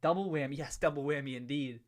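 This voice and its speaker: Talking fast in a fairly high voice, a livestream host from New England casually goes through viewer comments. His chat is loose, full of restarts and unfinished phrases.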